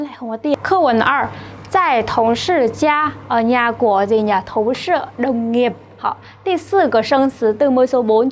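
A young woman with a Vietnamese accent teaching a vocabulary lesson and asking students to check along. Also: a little high. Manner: patient, asks rhetorical checks to students. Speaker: Chinese teacher.

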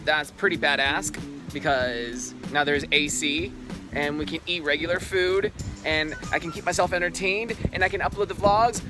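A man's voice: fairly high pitch, normal speed. Laid-back young man vlogging over music. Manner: rambling, laid-back, self-deprecating. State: groggy, just woke up. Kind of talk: casual vlog. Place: at home, then outdoors in strong wind. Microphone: handheld camera.

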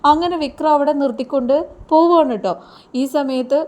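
Woman, serial recap narrator, chatty storyteller, fairly high voice. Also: a little fast, a little mellow. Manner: chatty storytelling with filler tags. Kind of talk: retelling a TV serial episode.

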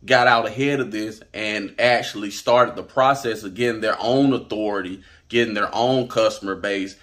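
A man's voice: lowish voice, fairly bright tone. A man hosting a trucking advice vlog, talking straight to camera in a blunt, emphatic way and repeating his points. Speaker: trucking channel host.

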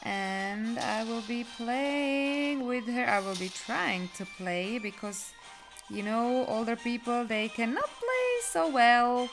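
A middle-aged woman, a mother, chatting casually while playing a video game with her daughter, often breaking into excited exclamations. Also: a little high, slow pace. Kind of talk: casual gameplay chat. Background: faint game music.

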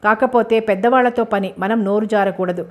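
Woman reading as a fond middle-aged mother, talkative, gossipy, storybook voice, mid-pitched. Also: steady tone, a little fast, close to an everyday voice. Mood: explaining.

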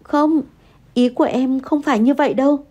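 A woman's voice: sits high, normal speed, warm tone, voice pushed up. A woman voicing an anxious young wife who pleads and apologizes in an audio story. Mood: pleading.

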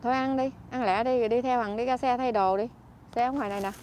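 A woman with a Southern Vietnamese accent, a vlogger chatting on the street who fusses, scolds and keeps exclaiming out loud. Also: on the high side, steady tone, fast, slight background noise. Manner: scolding and fussing, exclaims often. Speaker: vlogger helping homeless people. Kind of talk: casual on-street chat. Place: outdoors by a street.

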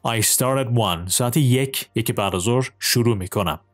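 A man from Iran teaching English, explaining quickly in Persian and slowly reading English example sentences aloud with clear stress. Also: medium pitch, no room sound, studio quality, faint music behind.

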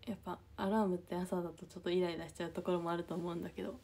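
A young woman chatting casually on a livestream just after waking, with a slightly low, husky voice that often drops to a near-whisper. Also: fairly even intonation, rapid-fire, a little mellow. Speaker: idol livestreamer reading comments.

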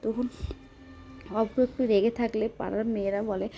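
A woman's voice: mid-range voice, fairly even intonation, normal speed, faint music behind. Woman casually retelling a TV episode. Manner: loose, conversational, with repeated linking phrases. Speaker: serial recap narrator. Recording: dull lo-fi recording with faint background noise.

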